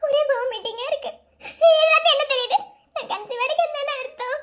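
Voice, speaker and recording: Voicing a whiny, giggly young woman in a cartoon, this female performer uses a Madurai Tamil accent and a flustered, teasing manner with a tearful edge. Her pitch sits very high, her tone is fairly bright, and she talks at a quick pace.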